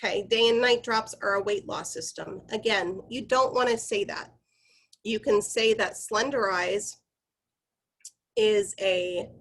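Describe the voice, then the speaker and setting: A woman's voice: medium pitch, fairly bright tone. Conversational woman leading corporate training. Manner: conversational, instructive, addressing the group directly. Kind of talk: corporate training presentation, informal explaining.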